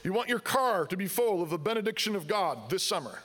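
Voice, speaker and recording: A man preaching a sermon with a high voice for a man. His tone is bright and forceful. He talks conversationally, asking questions and voicing objections from his listeners. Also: sing-song, a little fast. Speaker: pastor.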